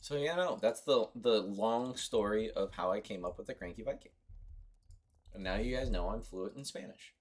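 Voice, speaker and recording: Young man, from Costa Rica, low voice, rambling game stream talk. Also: normal speed. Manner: rambling, chatty and offhand. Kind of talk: casual livestream commentary.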